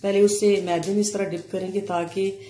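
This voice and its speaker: A woman explaining a home cooking recipe step by step, pausing often as she works in a kitchen. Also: mid-range voice, faint music behind. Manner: calm step-by-step explaining with frequent hesitations. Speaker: cooking channel host. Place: home kitchen counter, indoors. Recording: echoey room with faint ambient noise.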